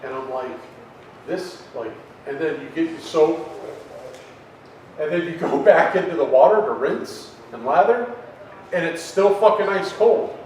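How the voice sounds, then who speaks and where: A man's voice: a little high, lively intonation, a little slow, a little mellow. Rambling, profane man in his forties. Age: 40s. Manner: rambling, swears constantly, trails off with fillers. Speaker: open mic comedian guest. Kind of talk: profane comic rant. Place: record store. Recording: very echoey room, mic far off, faint noise.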